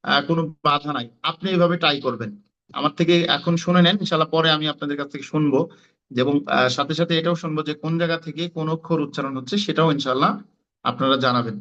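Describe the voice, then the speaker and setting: A man teaches Quran pronunciation, pausing on fillers and sounding out letters again and again. His voice sits a little high and rings bright and forceful. The audio is dull and lo-fi. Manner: repeats letter sounds for students to copy, many fillers. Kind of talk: online Quran pronunciation class.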